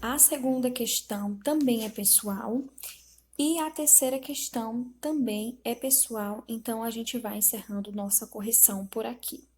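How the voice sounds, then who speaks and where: A woman teacher reading out school exercises and explaining the answers slowly, syllable by syllable. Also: fairly high pitch, darkish tone, slight background noise. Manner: slow, explanatory, spells out syllables.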